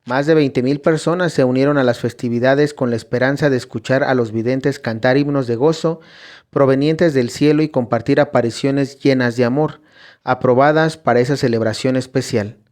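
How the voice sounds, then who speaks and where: A man's voice: mid-range voice, steady tone, moderate pace, a little mellow. Man narrating a religious story.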